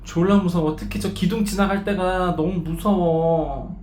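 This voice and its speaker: A woman's voice: lowish voice, steady tone, measured pace, a little mellow. A woman vlogging alone from inside a cable car cabin, frightened, exclaiming and swearing nonstop as she films on her phone. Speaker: travel vlogger. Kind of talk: casual self-filmed commentary. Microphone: handheld phone camera. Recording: roomy enclosed cabin with faint noise.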